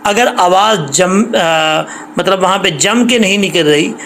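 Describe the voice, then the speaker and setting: Man teaching tajweed, slow drawn-out recitation. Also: high-pitched, a bit bright, slight background noise. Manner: explains quickly, then recites words slowly and drawn out. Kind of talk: tajweed lesson with slow chanted examples.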